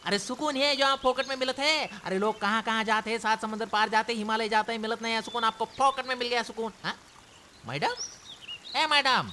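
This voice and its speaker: A woman playing a cajoling rustic chana vendor in a radio play, with a drawn-out hawker's delivery. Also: a little high, bright, forceful tone, a little hiss or hum. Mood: cheeky, cajoling.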